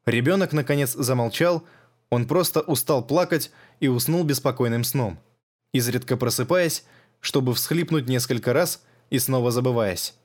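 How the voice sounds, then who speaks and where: A man reading an audiobook as narrator, in a measured, even manner. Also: medium pitch. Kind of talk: scripted narration.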